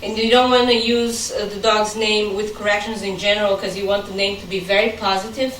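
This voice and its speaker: A woman dog trainer calmly explaining how she corrects a puppy, giving short firm commands. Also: mid-range voice, a little fast, reverberant, distant mic, slight background noise, low-quality recording. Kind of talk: instructional chat during training.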